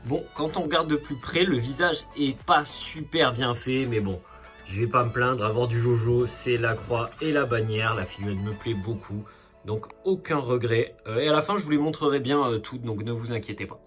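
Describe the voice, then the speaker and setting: In an unboxing vlog of figurines, a male YouTuber chats casually, using slang and throwing in jokey asides while faint music plays underneath. His voice is mid-range and fairly bright, at a moderate pace.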